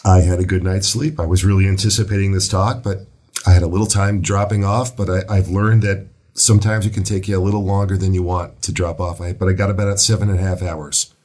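A man, an author being interviewed as a guest, telling his story in a reflective, measured way. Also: sits low, level tone, darkish tone. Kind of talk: casual interview.

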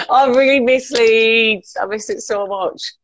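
A woman's voice: on the high side, very slow, a bit bright, dry recording. A woman in her late twenties with a Northern English accent, a radio presenter chatting informally as a guest and telling anecdotes. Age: late 20s. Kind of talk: casual chat, telling anecdotes.

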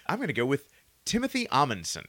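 A man co-hosting a podcast, chatting casually and pitching a casting choice with enthusiasm. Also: huge pitch swings, fast, a bit bright, no room sound. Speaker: podcast co-host. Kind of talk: casual chat.

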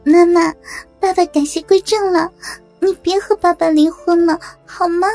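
A woman voicing a tearful teenage daughter who pleads in a high, sobbing, halting voice. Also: steady tone, a little mellow, soft background music. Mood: eager pleading.

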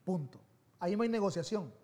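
A man giving a sermon as pastor, telling personal stories in an animated, conversational way that swings between soft and loud. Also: high-pitched, a little fast.

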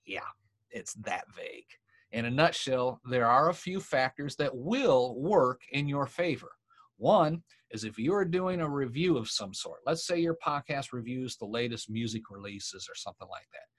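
A man's voice: medium pitch, a bit bright. A man hosting his own podcast, teaching in an emphatic style full of rhetorical questions. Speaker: podcast host and podcast coach. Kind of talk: teaching monologue.

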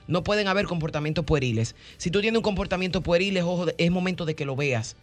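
A woman hosting a radio talk show, explaining with animated role-played examples. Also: lowish voice, fast, soft background music. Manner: animated, acts out callers' voices, teasing.

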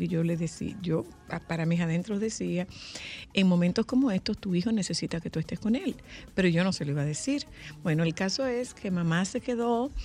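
A woman hosting a radio talk show, telling stories in a lively, teasing way. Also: mid-range voice. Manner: animated storyteller, teasing, laughs often. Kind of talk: casual radio chat.

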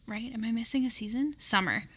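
A woman's voice: on the high side, fairly quick, fairly bright tone. A woman hosting a podcast from her living room, chatting in a bubbly, giggly, rambling way. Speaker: podcast host. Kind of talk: casual chat.

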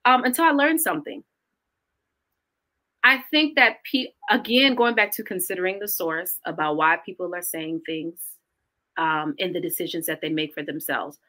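A woman's voice: fairly low pitch, normal speed. A woman speaking as a podcast guest in casual faith talk, earnest and emphatic. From Caribbean roots. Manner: earnest, emphatic, animated storytelling.

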